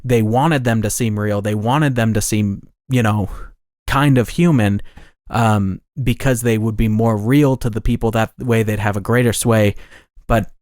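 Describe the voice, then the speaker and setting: A man's voice: fairly low pitch, fairly even intonation, measured pace, darkish tone, no room sound, clean studio sound. A man hosting a podcast, talking casually in a rambling way with many restarts and self-corrections. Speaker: podcast host.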